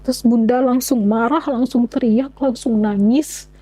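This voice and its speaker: A young woman giving an earnest personal testimony, speaking in halting phrases with many restarts. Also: fairly high pitch, fairly even intonation, dark tone, rough recording. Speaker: convert sharing her story.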